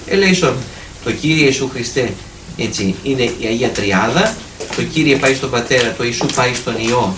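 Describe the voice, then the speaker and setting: A man, an Orthodox priest, answering questions from listeners in a conversational, gently teasing way, often repeating the words of a prayer. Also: mid-range voice. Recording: echoey room, far from mic, faint noise.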